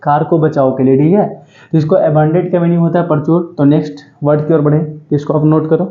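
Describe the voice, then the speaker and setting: A man's voice: a little high, steady tone, brisk. Male tutor, repetitive drilling delivery, echoey lo-fi room. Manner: repetitive, drilling each word with "ठीक है" and self-questions. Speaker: English vocabulary teacher. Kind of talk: exam-prep vocabulary lecture. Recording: roomy, dull lo-fi sound.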